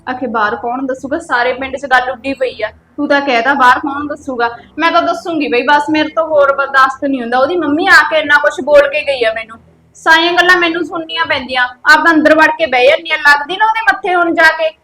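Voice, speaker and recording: A woman's voice: sits high, fairly quick, bright, forceful tone. An actress playing a stern sister-in-law who scolds her young relative, speaking with a Punjabi accent. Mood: scolding. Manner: reproachful, scolding. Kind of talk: village web-series drama.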